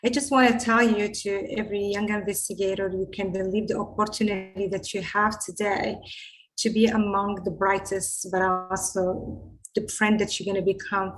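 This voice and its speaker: A woman's voice: medium pitch, level tone, poor audio. A middle-aged woman gives a lecture over a video call. She speaks earnestly and often restarts her sentences. The sound comes through a webcam microphone in an indoor room. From Morocco. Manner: earnest, halting phrasing with frequent restarts. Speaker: invited lecturer, scientist. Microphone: video call webcam mic.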